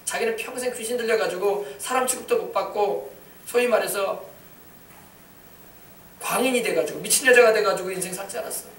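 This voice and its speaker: A male pastor preaching with a high voice and a fast, driving pace, breaking into shouted commands. He is recorded from some distance in a roomy, echoing church, with faint noise underneath. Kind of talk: sermon.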